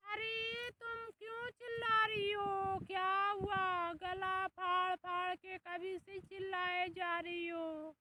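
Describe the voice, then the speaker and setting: Woman playing a greedy male buffalo, pushy and wheedling, very high, piercingly bright voice, slow delivery. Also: little pitch movement, full character voice. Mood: brash. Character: male buffalo, gluttonous and brash.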